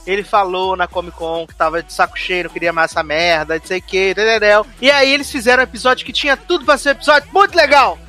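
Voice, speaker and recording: A Brazilian man co-hosting a podcast, giving an animated, mocking recap of a TV episode in casual chat. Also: high voice, fast, few pauses, soft background music. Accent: Brazilian Portuguese. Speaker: podcast co-host.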